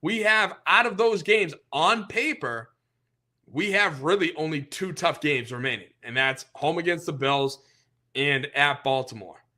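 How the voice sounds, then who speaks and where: Slow-talking, animated male sports fan. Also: a little high. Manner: animated, opinionated fan rant. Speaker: sports podcast host. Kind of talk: casual sports talk.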